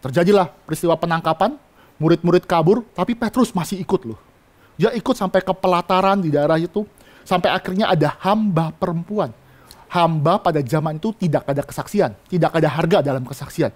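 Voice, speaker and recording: A man preaching a Sunday sermon in a high, lively voice. He acts out the people in his story, leaping up in pitch for their lines before settling back. He talks in a loose, conversational way to the congregation. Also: fairly quick. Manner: animated, acts out quoted speech with sudden pitch jumps. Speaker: vicar preaching. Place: church.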